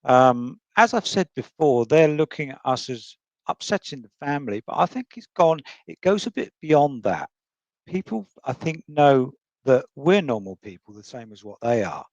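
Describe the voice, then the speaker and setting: A man's voice: medium pitch, big pitch swings, moderate pace, no echo. A man joining a livestream through a group voice call, speaking earnestly and hesitantly, often restarting his sentences in casual chat. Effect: remote participant heard over a group voice call. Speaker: guest on a true crime livestream. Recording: dull lo-fi voice call audio.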